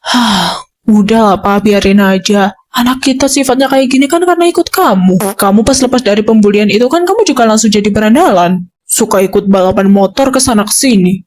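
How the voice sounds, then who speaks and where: A woman playing a teasing, gentle mother in an amateur voice drama dub. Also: medium pitch, brisk.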